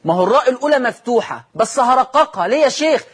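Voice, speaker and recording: An Egyptian man teaching Quran recitation rules in a televised lesson. He asks the audience questions, answers them himself, and draws out example words slowly. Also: extremely high pitch, lively intonation, husky.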